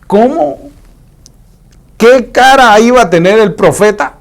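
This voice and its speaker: A man's voice: extremely high pitch, slow pace, vocal fry. A man preaching a sermon, acting out Bible scenes in different voices. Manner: animated, acts out scenes in voices.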